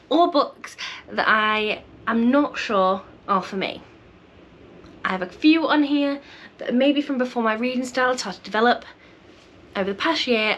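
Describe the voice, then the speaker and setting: A woman's voice: medium pitch, a bit bright, slight background noise. A woman chatting casually to camera as a book vlogger, her voice a little nasal and congested from a cold, friendly and thinking aloud. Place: home room with bookshelves.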